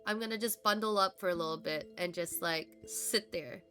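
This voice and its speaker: A woman's voice: on the low side, normal speed, sharp tone, soft background music. A young adult woman streaming live, talking casually and from the heart, rambling with many fillers and restarts and close to tears. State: emotional, holding back tears.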